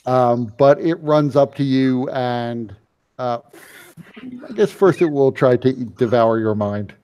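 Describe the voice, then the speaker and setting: Man, game master, mellow warm tone, halting narration, lots of uh and like. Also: medium pitch, clean tone. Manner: halting, filler-heavy descriptions. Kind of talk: narrating a tabletop game over voice chat.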